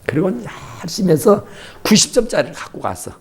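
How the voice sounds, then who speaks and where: In a church sanctuary, a pastor with a high-pitched, brisk voice preaches a sermon, animatedly telling stories and acting out voices. A slight hiss or hum is audible.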